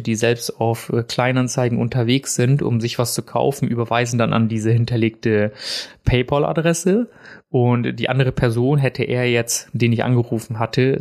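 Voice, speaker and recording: Casual young man telling a story. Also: medium pitch. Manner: animated, acts out dialogue in quotes, many fillers. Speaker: podcast host.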